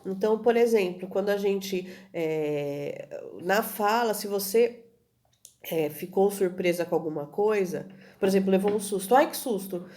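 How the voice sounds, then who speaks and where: A woman's voice: medium pitch, unhurried, mellow. A woman teacher giving a recorded video lesson, explaining at an easy pace and often checking in with her students. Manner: many fillers and restarts, checks in with "tudo bem?".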